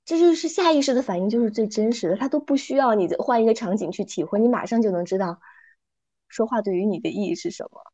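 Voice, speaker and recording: A middle-aged woman speaking calmly and thoughtfully as a podcast guest, retelling little stories as she reflects. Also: fairly high pitch, quick pace. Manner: calm, thoughtful, retells stories with light acting. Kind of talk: reflective casual chat with storytelling.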